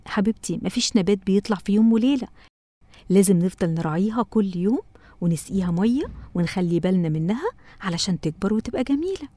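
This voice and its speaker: A woman with an Egyptian accent voicing a loving, patient mother in a cartoon, talking gently and coaxingly. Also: mid-range voice, lively intonation, fast talker, no echo, lightly acted. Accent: Egyptian Arabic. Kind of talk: cartoon voice acting.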